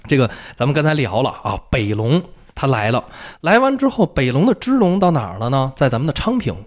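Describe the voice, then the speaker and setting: A man's voice: medium pitch, very animated, a little fast. A man with a Beijing accent explaining things in casual talk as a feng shui expert, emphatic, repeating phrases and answering his own questions.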